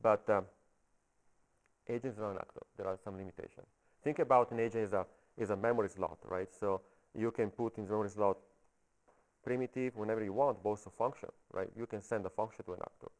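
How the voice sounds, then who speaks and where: A man with an Italian accent giving a technical talk at a meetup, halting and often checking in with the audience. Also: fairly low pitch, fairly even intonation, a little mellow, rough recording. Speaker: conference speaker. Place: coworking space meetup room.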